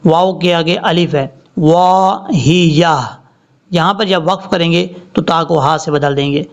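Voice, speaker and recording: High-voiced man teaching Quran recitation. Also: fairly even intonation. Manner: slow drawn-out recitation between plain explanations. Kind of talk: word-by-word Quran recitation lesson. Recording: dull lo-fi recording.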